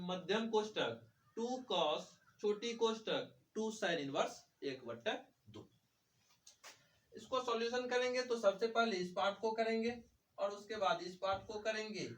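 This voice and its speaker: A male math teacher giving a lecture, asking questions and answering them himself. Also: high voice. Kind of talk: whiteboard lecture. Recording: echoey room, mic far off.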